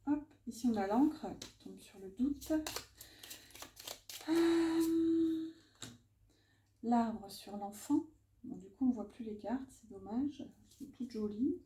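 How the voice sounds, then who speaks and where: Unhurried woman card reader, chatty and muttering, fairly high voice in an echoey room. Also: expressive, warm tone. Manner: chatty, muttering to herself while shuffling, many fillers. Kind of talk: casual card reading. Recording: echoey room with faint noise.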